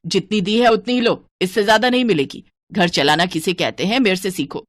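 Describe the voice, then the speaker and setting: A woman's voice: medium pitch, fairly quick, dry recording, natural voice. A woman voicing a stingy, bossy middle-aged mother-in-law who nags and scolds in a cartoon story. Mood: stern. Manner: scolding, penny-pinching nagging.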